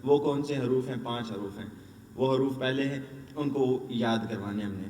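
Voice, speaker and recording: A man's voice: mid-range voice, darkish tone. A man training Quran teachers, drilling letter sounds and asking and answering his own questions. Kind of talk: instructional lesson. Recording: echoey room, distant mic, faint noise.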